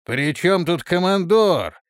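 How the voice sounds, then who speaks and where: A man acting out a pompous onion-headed clone captain, voice raised high and loud. He blusters with lively swings, in a dry, close recording. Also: normal speed, no room sound.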